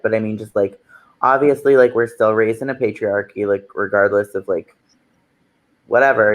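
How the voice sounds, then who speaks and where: A man in his thirties, a yoga teacher speaking as an interview guest in a casual, filler-heavy way. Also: fairly low pitch. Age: 30s.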